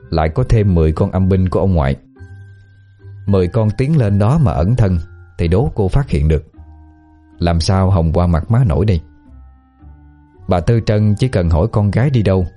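A man narrating a ghost story in a steady, lively storytelling manner. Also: low voice. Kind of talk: scripted audio-story narration.

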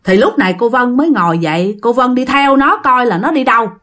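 A chatty woman from Southern Vietnam narrates a ghost story in a casual way, talking directly to her listeners. Her voice is a little high and a bit bright, and she speaks briskly.

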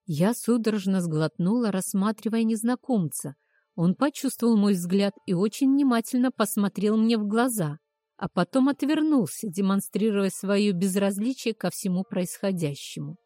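A woman's voice: mid-range voice, normal speed, warm tone, no room sound, clean studio sound. A woman narrating a first-person story expressively, rising on anxious questions. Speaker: audiobook narrator.

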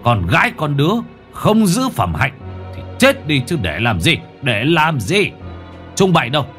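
A man's voice: a little high, wildly swooping pitch, a little slow, a bit bright, faint music behind, pitched above the performer's own voice, full character voice. A man voicing a harsh, short-tempered old landlord who barks out orders. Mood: furious. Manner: barking, scolding.

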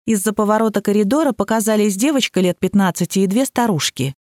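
A woman narrating an audiobook in a wry, ironic tone. Her voice sits at a middle pitch, and the recording is dry and close. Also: animated, quick pace, a little mellow, dry recording.

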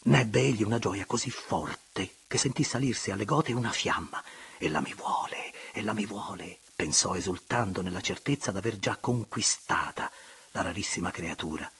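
Husky male audiobook reader. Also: on the low side. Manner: expressive and measured. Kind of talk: literary audiobook narration.

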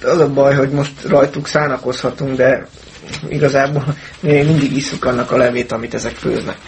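A man's voice: little pitch movement, gravelly. A man co-hosting an amateur talk radio show, speaking in a dry, wry manner. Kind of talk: casual talk radio chat. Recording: low-bitrate mono mp3 with faint hiss.

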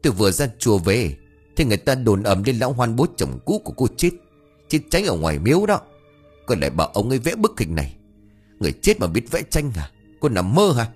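A man's voice: medium pitch, sing-song, quick pace, breathy edge. A man voicing a shrewish, jealous older first wife who scolds shrilly and wails theatrically. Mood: scornful. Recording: faint background music.

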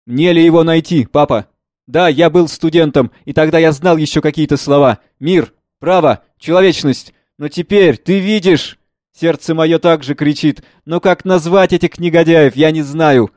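An earnest, distressed young medical student, as a male reader voices him in a read-aloud play. His speech is heated and pitched high. The sound is close and dry. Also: moderate pace, darkish tone, dry recording, lightly acted.

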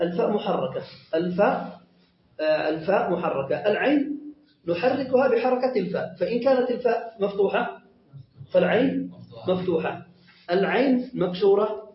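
A man's voice: sits high, slight background noise. A man teaching a grammar lesson, who asks questions and answers them himself, repeating points patiently and correcting himself as he goes. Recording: echoey muffled lo-fi lesson recording.

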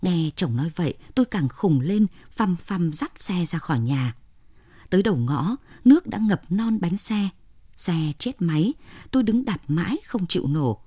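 Lady in her 60s reading a story, husky warm voice, steady. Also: on the low side, normal speed, dry recording, clean studio sound. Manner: plain, steady telling with lists of short phrases. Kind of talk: scripted story narration.

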